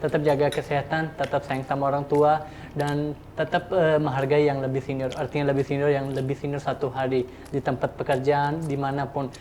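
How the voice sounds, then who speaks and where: A man's voice: mid-range voice, little pitch movement, fairly quick, a little mellow, slight background noise. A man in his twenties, a foreigner speaking Indonesian as a second language with a foreign accent, chatting casually and politely as a vlog host. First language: not Indonesian, still learning it. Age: 20s.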